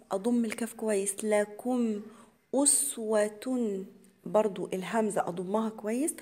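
A woman with an Egyptian Arabic accent teaches tajweed to beginners, explaining each rule in quick colloquial speech before reciting the words slowly and drawn out. Her voice is fairly high and mellow.

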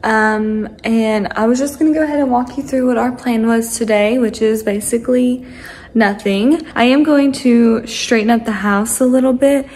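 A woman's voice: a little high, fairly even intonation, moderate pace, darkish tone. Young woman in her twenties, casual home vlogger, rambly and chatty, filmed on a handheld camera in her kitchen. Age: 20s. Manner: chatty, rambling with frequent ums and likes. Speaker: lifestyle vlogger. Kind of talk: casual vlog chat to camera. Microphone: phone camera at arm's length.

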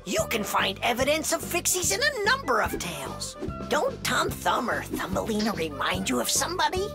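A woman narrating like a storybook, her voice high and swooping widely from phrase to phrase. The delivery is playful and lilting. Loud music plays beneath her. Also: huge pitch swings, normal speed, vocal fry.

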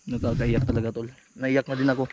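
A man's voice: medium pitch, level tone, a little fast, very noisy. A man chiming in with teasing side remarks in joking banter among friends.

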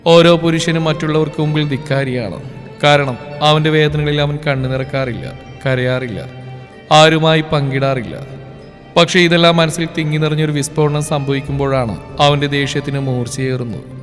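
A man reading a novel aloud in a steady, emotional storytelling voice. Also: a little high, moderate pace. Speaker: story narrator. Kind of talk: scripted novel narration. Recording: reverb with background music.

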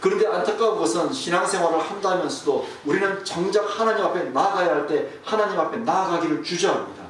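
A man, a pastor, preaching a sermon and telling a story, falling to a hush and then rising again. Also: high voice, lively intonation, fast talker, hardly any pauses. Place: church sanctuary. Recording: distant, echoey room with faint hiss.

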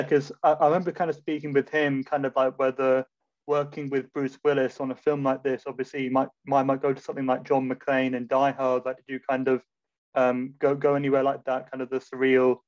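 A man's voice: mid-range voice, flat delivery, brisk, a little mellow. A man hosting an interview, asking hesitant, rambling questions with many fillers. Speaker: interview host. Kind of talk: casual interview. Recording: dull lo-fi sound.

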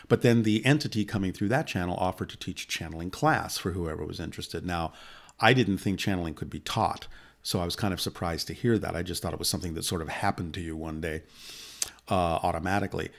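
Low-voiced man in his sixties, steady storyteller. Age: 60s. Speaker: guest. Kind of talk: long personal account in conversation. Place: indoor studio set. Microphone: boom-mounted studio mic close by.

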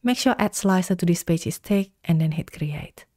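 In a mellow, low voice, a woman guides listeners through a software tutorial with calm, step-by-step instructions. Her pacing is slow and deliberate, and the recording is close and dry.

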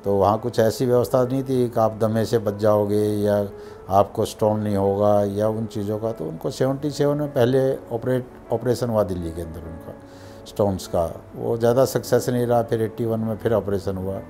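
An older man from Haryana, India, telling his life story in an interview, reflective and unhurried, recorded on a lapel mic in an office. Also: lowish voice, dark tone, faint music behind. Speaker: businessman interviewee. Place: office with shelves of awards, indoors.

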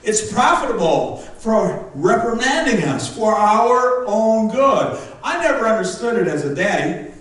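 A man preaching a lively, joking sermon as pastor, acting out how his congregation answers him. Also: high voice, measured pace. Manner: lively, jokey preaching that acts out congregation responses. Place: church sanctuary. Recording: very echoey room, distant mic, faint noise.

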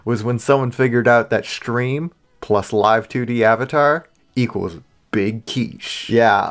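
A man hosting his own channel, narrating a comedic video essay with sarcastic, joking asides. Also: medium pitch. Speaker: YouTuber host.

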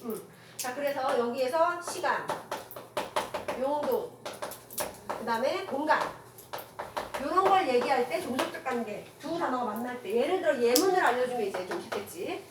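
A woman teaching a classroom grammar lecture, firing quick rhetorical questions at her students and mixing casual with polite speech. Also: high voice, lively intonation. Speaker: Korean language teacher. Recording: echoey room from far off, noisy.

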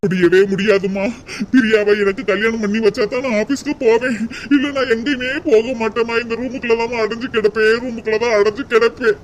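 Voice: medium pitch, flat delivery, fast, slight background noise, close to an everyday voice. A voice actor playing a heartbroken, stubborn young man in a cartoon, crying and pleading, with a Tirunelveli Tamil accent. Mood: stubborn, tearful. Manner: sobbing, pleading. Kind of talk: amateur cartoon voice acting.

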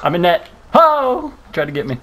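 A man's voice: high-pitched, big pitch swings, normal speed, a bit bright. A young man in casual gaming chat, talking like a slangy, exclaiming frat bro. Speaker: gamer in a team voice chat. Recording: very noisy game voice chat with clicking.

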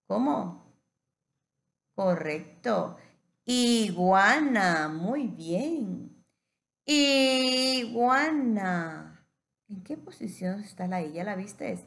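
A woman teacher giving a patient phonics lesson to young children, stretching words out slowly. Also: mid-range voice, gravelly, warm tone.

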